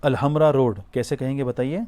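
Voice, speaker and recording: Man, language teacher, slow repeated drill phrases, encouraging prompts, mid pitch. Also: fairly even intonation, mellow. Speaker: Arabic teacher. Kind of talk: spoken language drill lesson.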